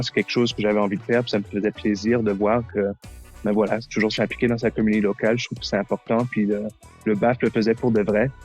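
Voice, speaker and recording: A young man tells his story in a relaxed testimonial, with many fillers and restarts. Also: on the low side, breathy edge. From British Columbia, Canada. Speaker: journalist, former student. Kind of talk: interview testimonial.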